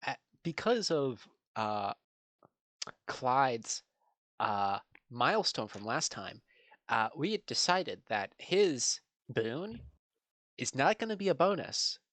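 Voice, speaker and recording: A man's voice: mid-range voice, big pitch swings, a bit bright, dry recording. Dry-sounding man as game master. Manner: measured, uses fillers. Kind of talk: running a tabletop game.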